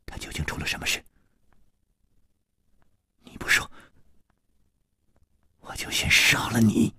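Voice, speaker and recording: A man voicing a cold, fierce young swordswoman who threatens in a low, hushed voice. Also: expressive, moderate pace, husky, heavily acted. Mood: menacing.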